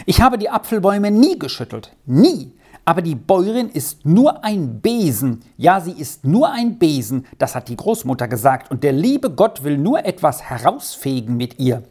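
A woman's voice: low-pitched, very animated, moderate pace, warm tone, slightly rough, heavily acted. A woman voicing an eager young peasant girl who pleads breathlessly and protests indignantly.

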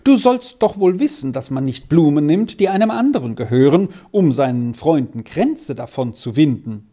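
A reader voicing a calm, kindly father who gently corrects his family in a storybook. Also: mid-range voice, moderate pace. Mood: admonishing. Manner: soothing, patient.

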